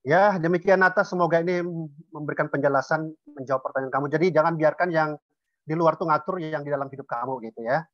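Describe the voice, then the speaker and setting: A brisk, slightly high man moderating a webinar and reading out audience questions with polite courtesy. His voice comes through dull, dry, lo-fi call audio. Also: a bit bright, no room sound. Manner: polite, quick. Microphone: video call.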